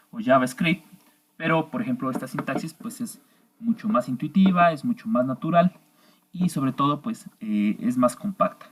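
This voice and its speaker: A middle-aged man recording a course lecture as an engineering instructor, explaining at an unhurried pace with many filler pauses and restarts. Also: mid-range voice.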